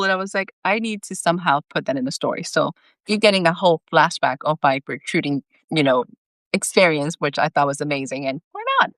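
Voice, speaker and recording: A woman author reading her own story aloud on a live stream, stopping now and then for candid, chatty asides. Her voice sits on the low side but moves through a very lively pitch range. The sound is close and dry. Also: dry recording.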